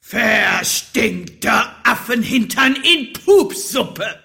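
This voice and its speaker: Woman doing a raging, shouting wizard. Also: a little high, expressive, drawn-out words, vocal fry, voice pushed up, heavily acted. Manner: shouting insults in a strained, raised voice. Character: furious little wizard man, stomping and raging. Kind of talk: audiobook character voice.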